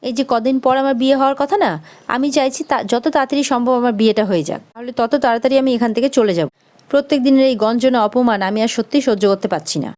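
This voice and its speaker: A woman's voice: on the high side, fast, a little mellow, close to an everyday voice. A woman voicing a weary young bride-to-be who speaks bitterly about her home.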